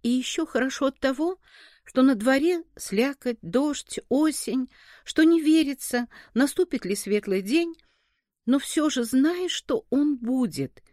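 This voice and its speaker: A woman reading a literary story aloud in a slow, measured, melancholy way. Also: high voice, expressive, a little mellow, no echo, clean studio sound. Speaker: reader.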